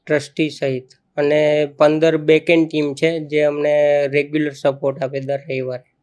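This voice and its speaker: A man, a podcast guest, chatting in a relaxed way and explaining things plainly, with a joking streak. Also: on the high side, moderate pace, smooth. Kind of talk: casual chat.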